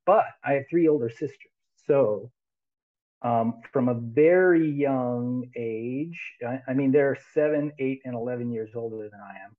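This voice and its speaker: Speaking a little slowly in a mid-range voice, an American man in his sixties appears as a guest musician in a casual video-call interview. He wears headphones on a thin, phone-quality line, and he's chatty and rambling, with lots of laughter and many restarts.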